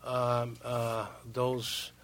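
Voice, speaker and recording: A man's voice: mid-range voice, monotone, drawn-out words, fairly bright tone. A Brazilian man, a native Portuguese speaker, giving formal remarks as a diplomat in broken English, hesitating often and repeating words.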